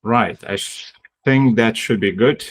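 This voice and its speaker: Slow, low-voiced man. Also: husky. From Lithuania. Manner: hesitant, many fillers and restarts. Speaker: guest speaker, sports medicine doctor. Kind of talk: webinar presentation.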